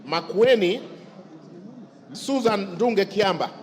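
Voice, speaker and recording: Playing a parliamentary clerk, a man formally reads out a roll of constituencies and names in a large parliamentary chamber. His high, expressive voice takes its time, echoing through the reverberant hall over a murmuring crowd.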